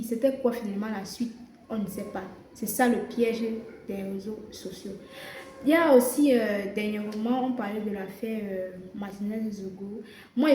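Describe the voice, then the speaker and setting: A woman's voice: fairly high pitch, dark tone. Young Cameroonian woman talking in an echoey room. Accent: Cameroonian French. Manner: earnest, repeats and restarts words when searching. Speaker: social media content creator. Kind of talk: casual commentary to viewers. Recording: roomy echo, faint background noise.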